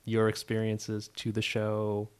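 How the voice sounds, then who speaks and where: A young man hosts a casual podcast in a low, soft-spoken voice. He talks in a hesitant, relaxed way with lots of fillers. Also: slow, clean tone. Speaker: podcast host.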